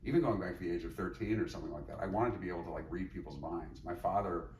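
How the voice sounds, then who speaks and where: Here a middle-aged psychologist and teacher, guesting on a podcast, speaks rapid-fire in a low, slightly mellow voice. Though the interview is reflective and he's thoughtful, he rambles with plenty of fillers and restarts. An echoey room, a distant mic and faint noise shape the recording.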